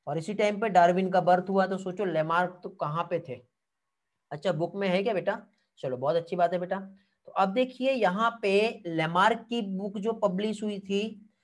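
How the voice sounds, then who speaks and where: A male biology teacher giving an online exam-prep lecture. He calls the students 'beta', checks often whether they follow, and answers their comments. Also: high voice. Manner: calls students 'beta', keeps asking 'theek hai'.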